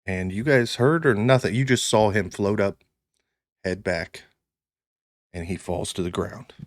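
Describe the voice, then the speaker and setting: A man narrating a tabletop fantasy game as game master, telling it dramatically in deliberate short phrases. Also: lowish voice, no echo, studio quality.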